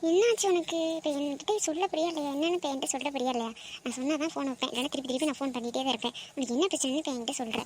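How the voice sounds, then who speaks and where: A woman's voice: high-pitched, racing, a little hiss or hum, lightly acted. A woman voicing an insistent, pressing cartoon girlfriend. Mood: angry. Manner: insistent, pressing, quiet intensity. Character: young woman, anxious then furious girlfriend. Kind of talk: animated cartoon voice acting.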